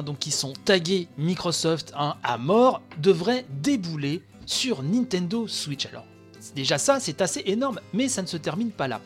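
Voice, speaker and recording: Chatty high-voiced man hosting a podcast. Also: fairly bright tone. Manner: chatty, many fillers, reads and quotes an article. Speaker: podcast host. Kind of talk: solo podcast news commentary.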